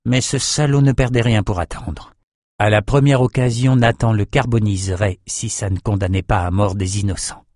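A man reading fantasy narration for an audiobook in a steady, measured way. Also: lowish voice, dry recording, clean studio sound.

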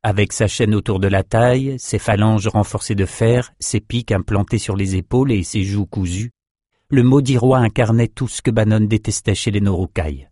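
Man, audiobook narrator, low voice, dry close sound, measured reading. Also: warm tone, no room sound. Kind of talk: scripted narration.

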